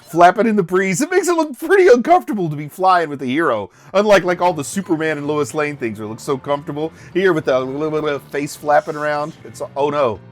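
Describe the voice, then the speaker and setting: A man's voice: a little high, animated, quick pace, few pauses, no echo, soft background music. A middle-aged man giving casual, jokey running reaction commentary as host, chuckling and exclaiming as he goes.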